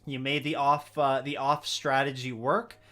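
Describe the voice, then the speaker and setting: A man's voice: medium pitch, level tone, a little slow, pushed and bright, faint music behind. A man hosting a racing league broadcast, interviewing drivers in an upbeat, rambling way. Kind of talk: post-race interview.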